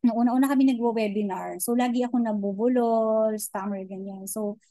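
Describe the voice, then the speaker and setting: Dark-voiced woman giving a chatty lecture. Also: fairly high pitch, steady tone, brisk, no echo, poor audio. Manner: chatty Taglish, frequent "okay?" and "di ba?" check-ins; many hesitations and restarts. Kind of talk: informal online lecture.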